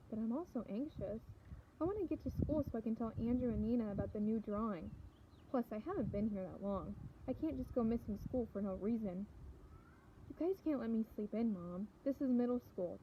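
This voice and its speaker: A woman's voice: on the high side, lively intonation, fairly quick, natural voice. Anxious seventh grade girl, earnest and pleading, storybook reading by a woman, muffled noisy audio.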